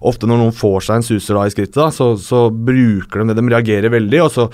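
A man talking as a guest in a casual podcast chat, explaining at length in a relaxed way with lots of fillers. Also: mid-range voice, dry recording, studio quality. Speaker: guest, martial arts expert.

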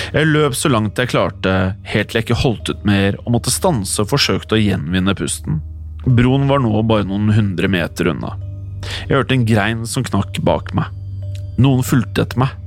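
A man reading a scripted first-person horror story in a tense, suspenseful way. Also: lowish voice. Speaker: narrator. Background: faint music.

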